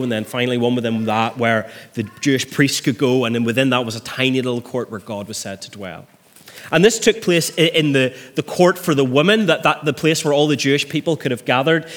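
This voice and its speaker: A man's voice: medium pitch, a bit bright. A middle-aged man preaching a sermon as a minister. He builds to emphatic peaks and often repeats words as he restarts.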